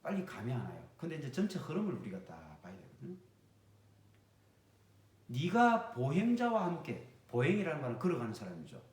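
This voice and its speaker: Pastor man preaching, voice jumps all over, echoey church picked up from far off. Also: on the high side. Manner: animated, acts out quoted speech in the sermon. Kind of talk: sermon. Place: church sanctuary. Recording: roomy church echo, distant mic.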